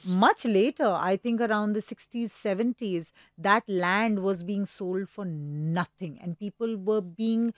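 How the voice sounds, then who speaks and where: A woman's voice: mid-range voice, measured pace, hardly any pauses, no echo, clean studio sound. A woman with an educated urban Indian accent, explaining conversationally as a historian guest and repeating words for emphasis.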